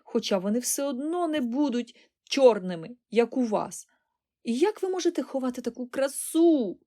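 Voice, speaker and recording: Pollyanna, gushing excited little girl, a woman's put-on. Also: on the high side, moderate pace, pitched above the performer's own voice. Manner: gushing, exclaiming, breathless enthusiasm.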